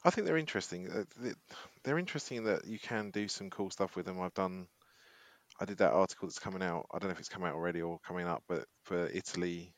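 A man's voice: low-pitched, fast, dry recording. A man co-hosting a podcast, chatting casually and rambling with hesitations. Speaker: podcast co-host. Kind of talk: casual chat.

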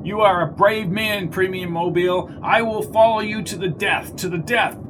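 A man's voice: high voice, fairly even intonation, normal speed, background noise, pitched above the performer's own voice, close to an everyday voice. A man voicing a nervous, fawning male underling who pleads in a raised voice. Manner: pleading, panicky.

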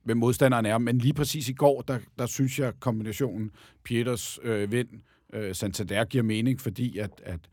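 A man's voice: medium pitch, steady tone, darkish tone, dry recording. A man co-hosting a casual fan chat about football, hesitant and agreeable, often saying yes. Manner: hesitant, agreeable, many fillers. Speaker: football podcast co-host.

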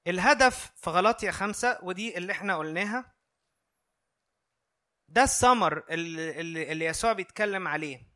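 An Egyptian preacher man with a high, bright voice. He talks earnestly and conversationally, often turning to his listeners, and his words come quickly. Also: expressive. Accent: Egyptian Arabic. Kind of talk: sermon.

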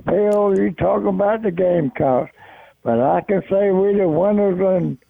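A man's voice: sits high, moderate pace, vocal fry. A man, calling in to a sports radio show and talking in a plainspoken, emphatic way, repeating himself for emphasis. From South Carolina. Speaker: caller. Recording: tinny phone line.

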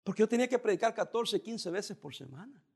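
A male pastor preaching a sermon in a calm, conversational way, with occasional emphatic rises. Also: sits high, a little fast, creaky, husky.

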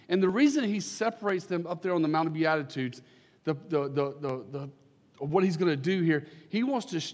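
A man's voice: fairly high pitch, in a large hall. A man, a pastor preaching into a pulpit microphone in a church sanctuary, praying and then building to fervent, emphatic declarations. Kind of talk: prayer and sermon.

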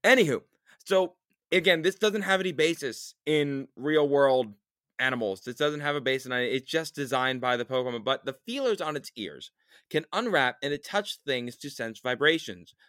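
On a podcast, a male co-host enthusiastically rambles through trivia about monster game creatures in a casual chat. His medium-pitched, fairly bright voice is animated and at normal speed, captured dry at studio quality.

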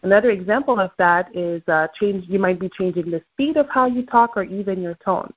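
Speaking fairly quickly at a medium pitch, this Québécois woman leads a cheerful morning motivational call and coaches those listening. She's a native French speaker from Quebec, Canada, and the audio is dull.

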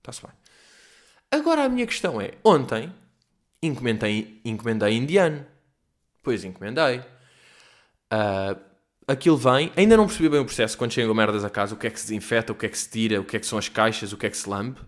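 A man with a European Portuguese accent hosting a solo comedy podcast from home, rambling and swearing, jumping between loud outbursts and low mutters. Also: sing-song, quick pace. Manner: profane, digressive, mixes in English phrases. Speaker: podcast host. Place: at home in quarantine.

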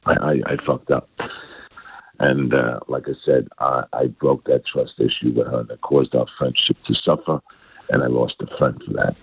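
A man leaving a halting, stammering apology on a voicemail, heard through a phone line. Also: very deep voice, creaky, breathy edge, no echo. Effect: played voicemail message over a phone line.

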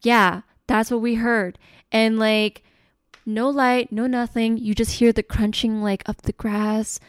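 A woman telling a story in casual chat, animated and full of "like", with casual swearing. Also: fairly high pitch, takes it slowly, no room sound.

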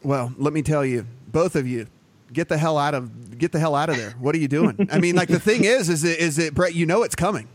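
A man's voice: a little high, fairly quick, dry recording. Upbeat rambling male podcast host. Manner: rambling, self-correcting, upbeat. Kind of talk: casual podcast chat. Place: Las Vegas home.

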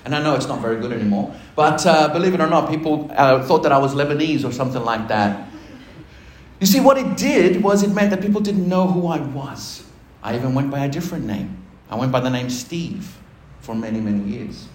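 Preaching in a roomy church hall, a pastor recounts his personal testimony in a mid-range voice that is animated and fairly quick. He talks conversationally, makes jokes at his own expense, and laughs with the congregation, while slight background noise sits under the hall's spacious sound.

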